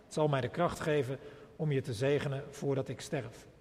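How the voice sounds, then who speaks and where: A man, a pastor, reading the lines of an old blind father in a calm read-aloud voice. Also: mid-range voice, moderate pace, lightly acted. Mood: earnest. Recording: long church reverb.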